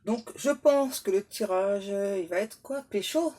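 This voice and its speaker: A woman's voice: medium pitch, measured pace, mellow. A woman doing a casual tarot reading to camera, chatty and joking, breaking off to banter with her spirit guides and laughing at herself. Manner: self-mocking, laughs at herself. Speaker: tarot card reader.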